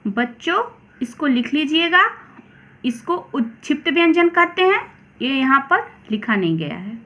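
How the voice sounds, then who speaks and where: A woman teacher with a Hindi accent, slowly and deliberately explaining grammar to children. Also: high-pitched, very animated, fairly bright tone. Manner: slow, deliberate, addresses children. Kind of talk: grammar lesson read aloud.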